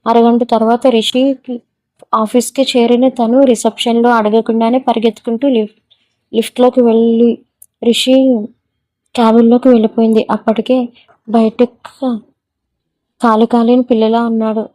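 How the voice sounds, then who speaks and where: A woman's voice: fairly high pitch, flat delivery, normal speed, pauses often, mellow, dry recording, poor audio. A woman reading a romantic story aloud, giving every character's lines in the same narrating voice.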